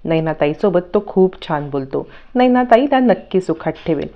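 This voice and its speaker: A woman narrating a recap of a TV serial episode in a steady storytelling read, quoting each character herself. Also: lowish voice, moderate pace. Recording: dull lo-fi recording.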